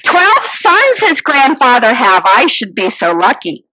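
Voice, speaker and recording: A woman plays an anxious, money-minded innkeeper's wife complaining through her story in a theatrical first-person monologue full of sighs and exclamations. Her slightly high voice swoops wildly, unhurried, pushed and bright, exaggerated, on a low-quality recording.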